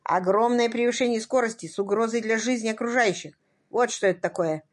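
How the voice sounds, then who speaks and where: A woman's voice: on the high side, fairly quick, natural voice. A woman voicing a stern, officious male police constable in a read-aloud story.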